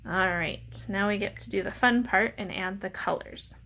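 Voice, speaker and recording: A woman teacher with a mid-range voice and vocal fry walks children through a drawing activity step by step, using simple explanations. Her tone is sharp, her pace moderate, and there's slight background noise.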